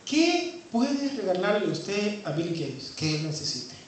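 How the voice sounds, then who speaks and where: A woman preaching a sermon. She asks rhetorical questions and swings from quiet, low talk to loud, high-pitched preaching. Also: big pitch swings, slow pace. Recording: very echoey room from far off, faint noise.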